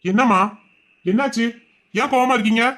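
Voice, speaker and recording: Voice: medium pitch, moderate pace, fairly bright tone, close to an everyday voice. A performer voicing a domineering, boastful young man with an obsessive streak, in an audio drama. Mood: defiant boasting. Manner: boastful, menacing.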